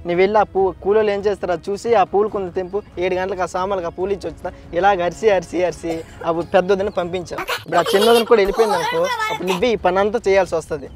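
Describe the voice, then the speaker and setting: Man playing a rapid back-talking village daughter. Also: high voice, fairly even intonation, darkish tone, lightly acted. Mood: arguing. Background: background music.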